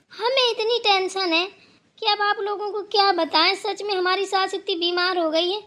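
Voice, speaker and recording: A woman's voice: extremely high pitch, fairly bright tone. A woman voicing a worried elder daughter-in-law in a village cartoon, plaintive and stern by turns. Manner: plaintive, scolding when provoked. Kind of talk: cartoon voice acting.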